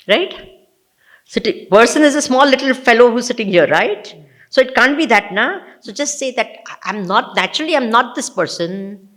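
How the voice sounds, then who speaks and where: Woman spiritual teacher, fairly high voice, expressive and exclamatory, moves between English and Hindi. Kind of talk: spiritual discourse to an audience.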